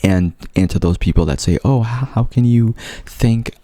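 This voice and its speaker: Speaking sincerely and openly to his viewers, a young vlogger who stutters shares his own story, sometimes repeating sounds and words. He has a lowish, warm voice at normal speed, captured in a dry recording.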